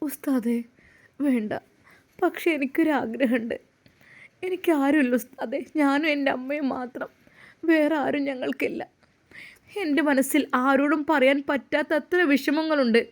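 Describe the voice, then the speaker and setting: A lonely young woman pleads in a trembling voice, as a woman narrator plays her. Her voice sits fairly high and sounds worn down by grief. It comes from a storybook reading. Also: a little slow, pauses often. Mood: pleading.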